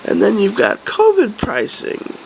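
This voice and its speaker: Hoarse, congested middle-aged woman, low and gravelly. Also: wildly swooping pitch, a little slow, slight background noise, rough recording. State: sick with a cold, congested and hoarse. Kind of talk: casual vlog chat. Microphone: phone or camera at arm's length.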